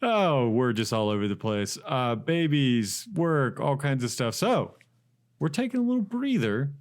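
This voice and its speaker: Podcast host guy, chatty and jokey, laughs a lot, average pitch. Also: very animated, unhurried. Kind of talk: casual chat.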